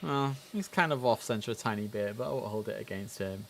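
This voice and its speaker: This man's voice is fairly low and gravelly, and he talks briskly while hosting a relaxed game livestream. He chats casually, slipping into clipped air traffic radio phrasing, over a steady background noise.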